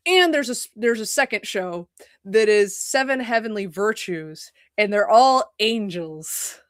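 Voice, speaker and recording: A young woman talks to her stream audience from a home setup in a loose, meandering way. She curses often and keeps cutting herself off with little apologies. Her voice sits at an ordinary pitch and is heard on a dry, close microphone with no room sound. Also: lively intonation, a little slow, dry recording. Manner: rambling, profane, self-interrupting, apologetic asides. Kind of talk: casual livestream chat.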